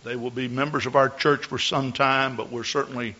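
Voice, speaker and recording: Male pastor preaching to his church, bright high voice, muffled lo-fi tape. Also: level tone, fairly quick. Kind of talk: Pentecostal church sermon and exhortation. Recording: dull, lo-fi church recording.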